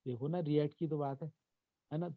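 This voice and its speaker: A man's voice: on the high side, steady tone, brisk, no room sound, narrow, tinny audio. A man teaching an online acting workshop in a conversational way, acting out bits of dialogue as he explains. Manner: conversational, acts out lines of dialogue. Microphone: video call.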